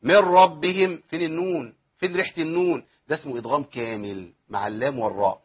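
A man's voice: medium pitch, rapid-fire, breathy edge, lo-fi sound. A man with an Egyptian accent teaching Quran recitation rules, asking questions and answering them himself, and stretching out the recited verses. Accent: Egyptian Arabic. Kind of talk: tajweed lesson with recited examples.

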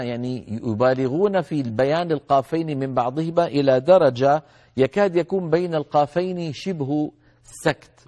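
A man teaching Quran recitation rules, explaining carefully and slowly stretching out words to demonstrate their pronunciation. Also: mid-range voice, a little mellow. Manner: addresses listeners as brothers. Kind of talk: tajweed lesson with recited examples.

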